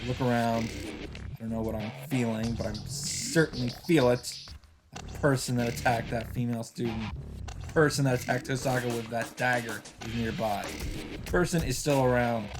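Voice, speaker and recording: At a moderate pace and in a mid-range voice, a man narrates visual novel text for his let's play, informal and theatrical with occasional casual remarks. Game music from the visual novel plays underneath.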